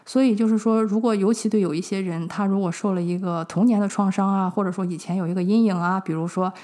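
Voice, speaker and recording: A woman's voice: mid-range voice, fast talker. A young adult woman from China, hosting a podcast and chatting through a personal story, acting out remembered conversations. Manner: chatty, fillers and animated retold dialogue. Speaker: podcast host.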